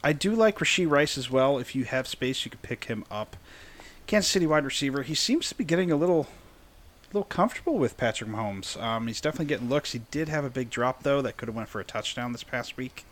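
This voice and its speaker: A man's voice: mid-range voice, animated, fast talker, fairly bright tone. A man hosting a casual sports talk, joking and conversational. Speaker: podcast host.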